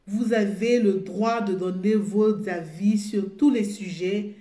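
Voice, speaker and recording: She has a dark, medium-pitched voice with fairly even intonation and speaks slowly. Though she has a cold, she's hosting a live call-in show, chatting loosely with many hesitations, fillers and repetitions, recorded in an echoey room with music.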